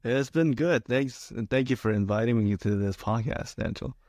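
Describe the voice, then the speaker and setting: A young man from China, a theater student guest on a podcast, telling his story in an earnest, halting way. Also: medium pitch, a little mellow, no room sound, clean studio sound. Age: young adult. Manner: halting, many fillers and restarts, earnest. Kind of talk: casual podcast interview.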